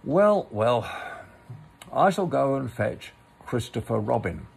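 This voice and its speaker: A man's voice: medium pitch, sing-song, takes it slowly, creaky, a little mellow, breathy edge, heavily acted. A man voicing a polite, fussy, evasive storybook rabbit with a prim manner that can turn stern. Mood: stern, reproving. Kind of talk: storybook character reading.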